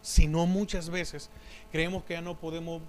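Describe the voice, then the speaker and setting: A man preaching a sermon in church, halting, with frequent fillers and restarts. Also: on the high side, level tone, a little mellow, a little hiss or hum, rough recording. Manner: slow, halting delivery with many fillers and restarts.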